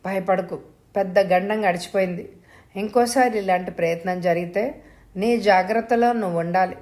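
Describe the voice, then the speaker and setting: A woman voicing a concerned grown man in an audio story, asking steady, probing questions. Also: medium pitch, moderate pace, natural voice. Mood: reassuring.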